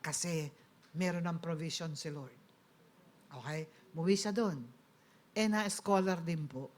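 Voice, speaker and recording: In a fairly low voice and at a slightly slow pace, a middle-aged Filipino woman with a Filipino accent preaches from her own testimony. She addresses the audience politely and switches into English at times.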